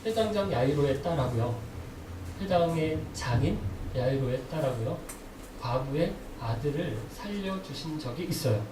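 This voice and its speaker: A man's voice: fairly high pitch, animated, moderate pace. A male pastor preaching a sermon who keeps putting questions to his congregation, recorded in a church sanctuary from a distant mic. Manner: asks the congregation frequent questions. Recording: echoey hall, distant mic, faint noise.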